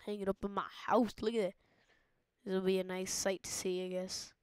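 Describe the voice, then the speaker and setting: A woman's voice: medium pitch, little pitch movement, brisk, darkish tone, clear, resonant tone, no room sound. A woman giving playful, jokey let's-play commentary, mock-dramatic and often dropping into a whisper. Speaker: gamer.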